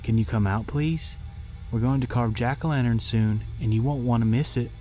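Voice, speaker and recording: A man's voice: mid-range voice, normal speed, warm tone, voice pushed up, natural voice. A man voicing an exasperated young aunt in a horror story, coaxing and scolding her niece. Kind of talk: acted dialogue in horror story narration. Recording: music behind the voice.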